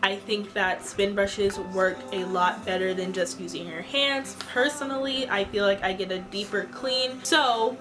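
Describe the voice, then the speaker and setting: A young woman vlogs about skincare in a quick, chatty way, full of casual fillers. Her voice sits at an ordinary middle pitch. Soft music plays faintly behind her. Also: steady tone. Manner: talks fast and chatty, with many fillers. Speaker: beauty vlogger. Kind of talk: casual skincare vlog talk.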